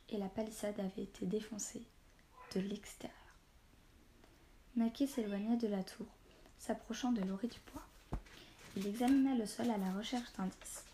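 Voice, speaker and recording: A woman narrating a story in a calm, measured reading voice. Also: mid-range voice, slight background noise.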